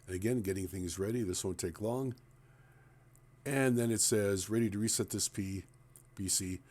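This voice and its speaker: A man's voice: lowish voice, moderate pace, a little mellow. A man walking through a computer task step by step in a plain, explanatory screen-recording tutorial. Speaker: tech tutorial presenter.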